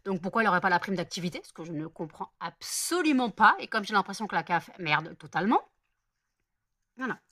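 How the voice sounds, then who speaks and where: A woman's voice: medium pitch, expressive, a little fast, a bit bright, dry recording, clean studio sound. A woman chatting casually in a home vlog, rambling with many fillers and self-corrections. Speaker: vlogger. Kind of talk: casual daily vlog chat.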